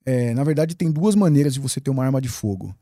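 Animated Brazilian-born man telling a story. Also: medium pitch, fast, no echo, clean studio sound. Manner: lively, swearing, acts out his own past words. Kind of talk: animated storytelling in a podcast interview.

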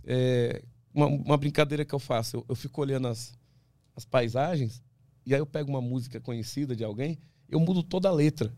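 A man, an ultramarathon runner from Brazil, talking as a podcast guest, animated and full of restarts, acting out what others say. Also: mid-range voice, brisk, dry recording. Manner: animated storyteller, many restarts, acts out quoted voices. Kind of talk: casual interview talk.

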